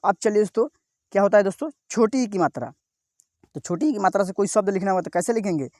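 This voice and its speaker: Man slowly sounding out syllables. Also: sits high, animated, a little mellow, no room sound, clean studio sound. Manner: repeats a friendly "what, friends?" and sounds out each syllable slowly. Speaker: teacher. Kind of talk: step-by-step Hindi reading lesson.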